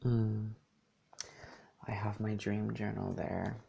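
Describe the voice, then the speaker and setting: A man chatting in a gentle, reassuring ASMR style, sometimes half-whispering while he eats and sips a drink. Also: lowish voice, level tone, takes it slowly, gravelly, breathy edge, dull audio. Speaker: ASMR creator. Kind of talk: soft-spoken ASMR chat.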